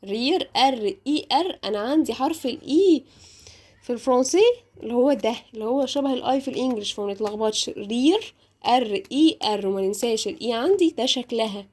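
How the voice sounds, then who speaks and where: A woman with an Egyptian Arabic accent teaching beginners French, saying words slowly and repeating them, then explaining in quick asides. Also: fairly high pitch, lively intonation, darkish tone. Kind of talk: beginner language lesson with slow drilled repetition.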